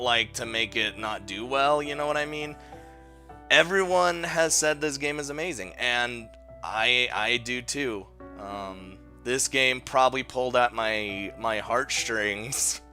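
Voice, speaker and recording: Music runs behind a man of medium pitch and sharp tone as he hosts a laid-back countdown video. He rambles in an informal way and laughs lightly often.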